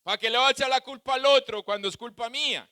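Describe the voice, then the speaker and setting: A male pastor preaching a sermon with a Colombian Spanish accent, swinging between loud shouts and soft asides. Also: very high-pitched, fast talker, dry recording.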